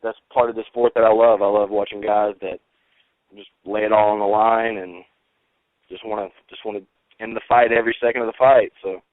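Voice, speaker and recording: A man in his late twenties talking casually and earnestly in an interview as a fighter and coach, haltingly, repeating words and often saying "you know". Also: fairly low pitch, little pitch movement, no room sound. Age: 20s. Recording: thin, phone-like radio or phone line.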